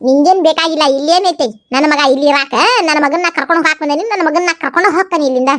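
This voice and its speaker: A woman voicing a fierce, rough-spoken village mother in a comedy skit, with a North Karnataka Kannada accent. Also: high-pitched, rapid-fire, fairly bright tone, dry recording, studio quality. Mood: accusing. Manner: gruff, accusing, rough-spoken.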